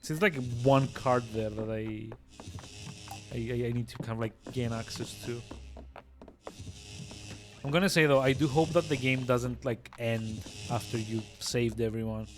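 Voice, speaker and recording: A man's voice: mid-range voice, steady tone, measured pace, long pauses, faint music behind. A man giving casual let's play commentary, musing aloud and repeating words as he thinks. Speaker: video game player and commentator.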